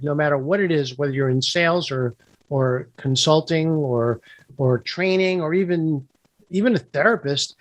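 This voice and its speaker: A man's voice: on the high side, dry recording. A man who is a guest on a podcast, explaining his work with confident, upbeat salesmanship. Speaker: guest, software founder. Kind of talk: interview explanation.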